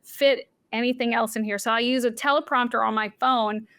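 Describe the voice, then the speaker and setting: A woman's voice: fairly high pitch, steady tone, a little fast, a bit bright, smooth, dry recording. A woman guesting on a podcast, chatting casually with lots of fillers and giggles. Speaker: casino YouTuber and guest.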